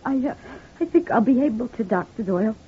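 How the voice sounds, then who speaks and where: In a 1940s-50s radio crime drama, a young wife with a high, husky, animated voice hesitantly claims she shot her abusive husband. Her speech is emotional and halting. The old-time recording sounds muffled and thin.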